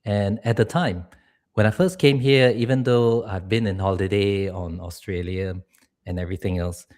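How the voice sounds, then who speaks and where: His fairly low, darkish voice carries earnest advice as a middle-aged public speaking coach from Singapore on a live stream, with the odd laugh.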